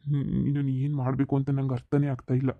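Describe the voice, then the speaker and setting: A man's voice: medium pitch, completely flat delivery, a little fast, dry recording, narrow, tinny audio, lightly acted. A man voicing a middle-aged father in a cartoon, an ailing businessman who has been cheated, talking in a weary, regretful way. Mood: bitter. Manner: weary, regretful, speaks of lying down to rest. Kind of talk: cartoon voice acting.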